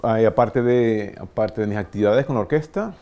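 Over loud music, a man in his thirties from Venezuela gives a relaxed self-introduction to camera in a small shop studio, explaining he's an orchestral clarinetist. His Venezuelan Spanish-accented voice is on the low side and animated. He takes his time, with many pauses and fillers.

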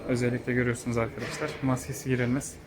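Chatty man hosting a flat-toned workshop tour. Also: mid-range voice, racing, background noise. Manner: chatty, with frequent hesitation fillers. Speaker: host touring a car repair shop. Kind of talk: casual vlog interview. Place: car repair workshop.

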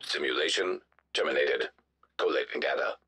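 An actor voicing a cold, synthetic male AI system that announces game events in a flat, clipped way, through a metallic robotic filter. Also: rumbling low, normal speed, very noisy.

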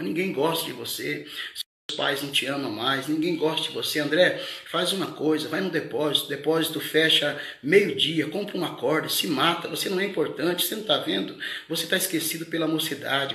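In a roomy-sounding recording, a Brazilian man preaches a fervent testimony sermon in a Brazilian Portuguese accent. His mid-range voice is creaky, and it climbs to shouts as he retells other people's words.

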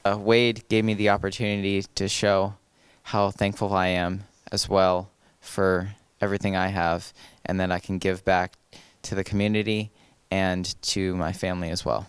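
A man's voice: sits low, level tone, normal speed, clear, resonant tone, no echo. A fifteen-year-old boy talking in an easygoing way on a panel, with some filler words, into a handheld microphone indoors. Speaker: volunteer director. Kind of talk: panel talk. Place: indoor room.

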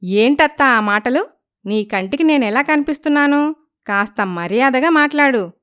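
A woman's voice: high-pitched, lively intonation, moderate pace, fairly bright tone, clean tone. A woman playing a proud poor young village woman. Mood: indignant. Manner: firm, dignified.

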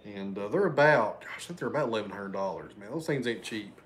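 A man hosts a casual livestream from his living room, reading super chats and chatting with viewers. His voice is fairly low and expressive, he talks quickly, and there's a slight hiss or hum. He's chatty, thanks viewers by name, and sometimes loses his train of thought.

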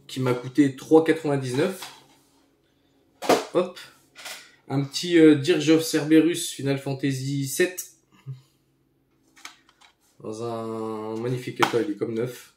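A man casually showing off his retro game finds, relaxed and hesitant with many fillers. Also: medium pitch. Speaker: retro game collector YouTuber. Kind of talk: casual show-and-tell commentary. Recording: echoey room, faint noise.

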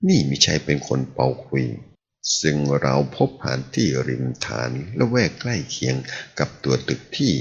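A man narrates a serialized martial-arts novel in an extremely deep, gravelly voice. His pitch moves in a lively way through the story. The recording is dull and lo-fi. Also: moderate pace. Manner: animated storytelling. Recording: dull lo-fi audio.

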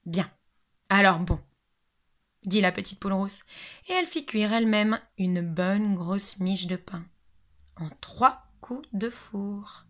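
A woman, a teacher, reading a picture book aloud to young children with lively storytelling, dropping at times to a whisper and explaining words. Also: medium pitch, takes it slowly.

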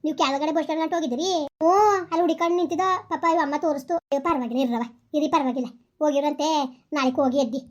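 Gossiping village mothers and in-laws, played by a woman in a comedy skit. The voice sits high and races along, full of exclamations and repeated phrases. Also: fairly even intonation, very fast, lightly acted. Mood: gossipy. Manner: chatty, exclaiming, repetitive village talk. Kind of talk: rural comedy skit acting.

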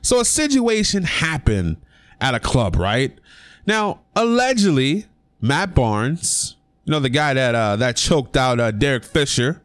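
A man's voice: medium pitch, no echo. A young man talking casually on his own vlog, giving his opinion with emphatic rhetorical questions. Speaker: sports commentary vlogger. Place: indoor room.

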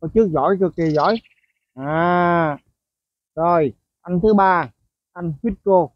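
This chatty bird-keeping vlogger has a high-sitting voice and speaks slowly, often turning to his viewers and leaning on fillers. His casual explanatory narration comes through a tinny, phone-like, dry recording without echo.

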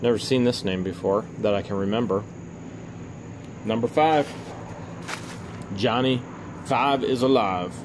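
A man narrating as he digs through boxes from a bought storage unit, casual and chatty, breaking into excited high exclamations over finds. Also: measured pace, long pauses, noisy background. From United States. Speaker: storage unit reseller vlogger.

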